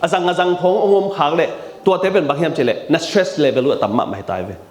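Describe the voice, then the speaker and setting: Animated male preacher, echoey room. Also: a little high, quick pace. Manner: mixes English terms into his speech; lively, animated delivery with frequent repetition. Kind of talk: sermon.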